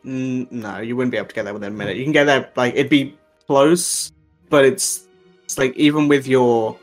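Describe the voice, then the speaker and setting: Game-master type, mid-pitched man, loose and hesitant, filler-heavy narration, faint music bed. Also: steady tone, moderate pace. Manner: hesitant, full of fillers and frequent laughs.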